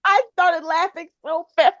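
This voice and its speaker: A woman co-hosting a podcast, telling funny stories in casual chat, animated and laughing often. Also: extremely high pitch, measured pace, dry recording, lo-fi sound. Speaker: podcast co-host.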